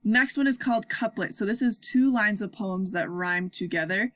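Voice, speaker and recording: Young woman teacher doing an online class, upbeat and chatty, crisp bright voice, totally dry sound. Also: medium pitch, moderate pace, no echo. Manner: upbeat, chatty, checks in with "okay?" and "right?". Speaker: sixth-grade teacher. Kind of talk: casual remote lesson.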